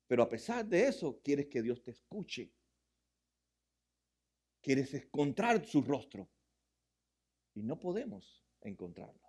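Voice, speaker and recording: A man preaching a sermon as pastor, impassioned, repeating phrases for emphasis and swinging between loud, high passages and quiet, low ones. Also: big pitch swings, slow, pauses often, slightly rough.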